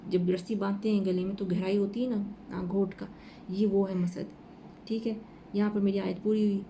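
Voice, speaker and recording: A woman giving an informal Quran lesson, walking slowly through the letters of each verse. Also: mid-range voice, level tone, mellow, slight background noise. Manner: slow, explaining letter by letter. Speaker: Quran teacher.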